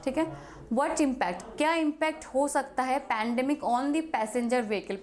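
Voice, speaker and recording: A young woman teaching an exam prep lesson, reading questions slowly and then explaining them in quick, chatty speech. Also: high-pitched, darkish tone. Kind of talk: exam prep lesson, Hindi mixed with English.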